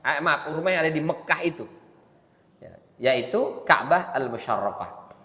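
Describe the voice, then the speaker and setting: A preacher gives a mosque sermon in a casual, humorous storytelling way, asking the congregation questions. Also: male voice, a little high, expressive, normal speed, sharp tone. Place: mosque hall. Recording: long reverb of a mosque hall.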